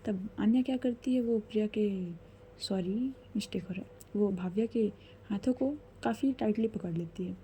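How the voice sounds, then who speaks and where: Mellow-voiced woman storyteller. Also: medium pitch, normal speed, a little hiss or hum. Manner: conversational, self-correcting. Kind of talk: casual story narration.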